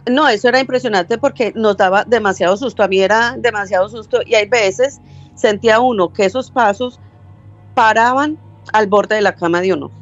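A woman's voice: medium pitch, moderate pace, dull audio, faint music behind. Older Colombian woman from Medellín telling a story. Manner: rambling, self-correcting, acts out quoted dialogue. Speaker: caller sharing a story. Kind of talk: casual storytelling.

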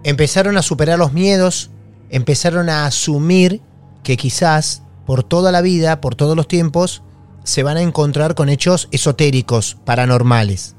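A man with an Argentine Rioplatense accent hosting a podcast, reacting with short excited exclamations. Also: fairly high pitch, normal speed, soft background music. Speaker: podcast host. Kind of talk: interview.

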